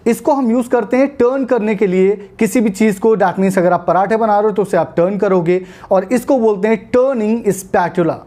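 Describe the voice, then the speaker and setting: A woman with an Indian accent teaching a spoken English lesson, explaining patiently and slowing down to spell out words. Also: medium pitch, warm tone.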